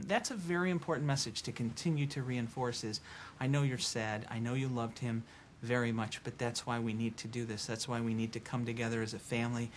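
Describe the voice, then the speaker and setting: A man of middle pitch who explains things plainly and calmly, in a matter-of-fact documentary interview manner. He sounds steady and even as he explains. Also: a little hiss or hum.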